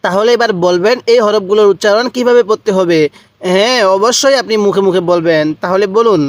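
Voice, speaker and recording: A man's voice: sits high, fairly quick, dry recording. A man teaching Quran letter reading step by step, patiently spelling out syllables and repeating them for the viewer. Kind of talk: step-by-step recitation lesson.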